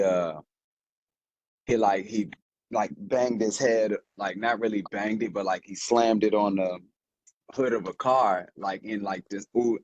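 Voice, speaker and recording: Low-voiced young man, heartfelt rambling. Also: dry recording, lo-fi sound. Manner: rambling, heartfelt storytelling with many fillers. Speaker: podcast co-host. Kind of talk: casual conversation.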